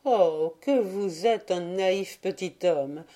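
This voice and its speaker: A woman reading the part of a shrewd, self-assured young wife who teases gently but firmly, in an audiobook. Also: lowish voice, slow pace. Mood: teasing. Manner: gently teasing, firm.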